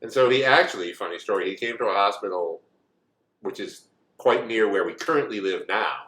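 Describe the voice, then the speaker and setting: A man's voice: fairly low pitch, brisk, fairly bright tone. A man in his forties from the United States, telling a personal story in a rambling, casual way with many asides. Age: 40s. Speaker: co-host. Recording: echoey room.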